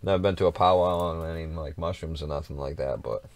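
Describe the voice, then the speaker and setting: A man's voice: very deep voice, quick pace, dry recording. A man co-hosting a casual livestream, chatting in a rambling, repetitive way with plenty of swearing. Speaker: livestream co-host.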